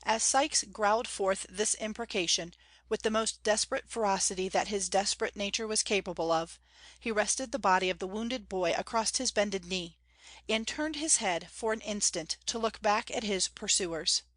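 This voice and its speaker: A woman narrating a classic novel as an audiobook in a measured, expressive reading. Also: mid-range voice, no echo. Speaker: audiobook reader.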